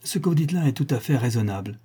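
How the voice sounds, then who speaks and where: A man's voice: medium pitch, animated, quick pace, dark tone, breathy edge. A man reading the part of a proud marquise, indignant and impatient.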